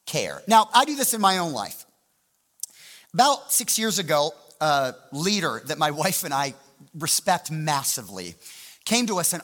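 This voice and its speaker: A man's voice: fairly high pitch, pushed and bright. A man preaching a sermon as pastor, telling stories animatedly and asking the audience rhetorical questions. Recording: long hall reverb.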